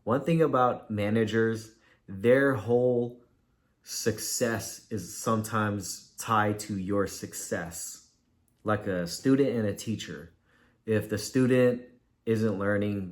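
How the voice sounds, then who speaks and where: A man speaks casually at home, talking to the camera in a conversational flow. His voice sits a little low for a man. He trips over his words and repeats them as he works through his points. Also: slow. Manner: conversational, loose, with filler and repeats. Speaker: vlogger giving career advice. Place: at home, with laundry machine nearby.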